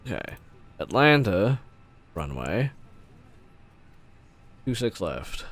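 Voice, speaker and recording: Low, gravelly man muttering through a livestream. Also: very animated, slow, a bit bright. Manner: muttering to himself, frequently swearing. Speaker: flight simulator streamer. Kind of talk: casual livestream gameplay commentary.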